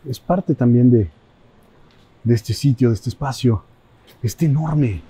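Male Mexican vlog host, mellow tone, hushed and wary narration, big derelict space. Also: mid-range voice, unhurried, slight background noise. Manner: hushed, cautious commentary while walking. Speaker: host, explorer. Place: large abandoned building.

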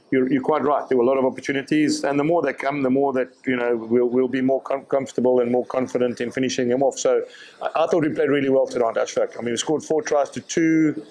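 A man, answering reporters' questions at a post-match press conference in a measured way, often repeating words as he thinks. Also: mid-range voice, darkish tone, low-quality recording. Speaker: rugby director of rugby.

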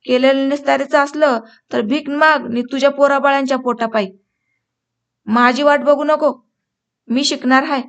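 A woman's voice: sits high, fairly even intonation, normal speed, pauses often. A woman reading the lines of a stubborn teenage village boy who defies his father in a storybook. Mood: furious. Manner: stubborn, defiant. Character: defiant teenage village boy determined to study.

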